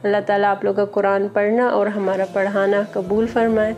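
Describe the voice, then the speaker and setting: A woman teaching Quran recitation rules, explaining each rule patiently and drawing out the words slowly as she recites. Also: medium pitch, little pitch movement, noisy background. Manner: patient, repeats words slowly and corrects pronunciation.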